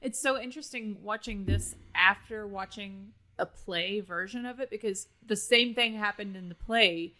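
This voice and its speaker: A woman panelist with a bright, sharp-edged voice joins a casual movie podcast. She talks with plain enthusiasm and is quick to agree. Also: mid-range voice, rough recording. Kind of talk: casual movie-review chat.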